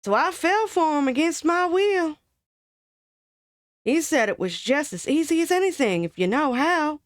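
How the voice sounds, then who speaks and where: A chatty, dramatic working-class girl from an old-fashioned comic monologue, as a woman puts her on. She tells her woes in folksy slang with broad exaggeration, her voice pitched high. The sound is dry and close. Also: big pitch swings, unhurried, dry recording. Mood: gossipy. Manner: gabby, colloquial, exaggerated storytelling.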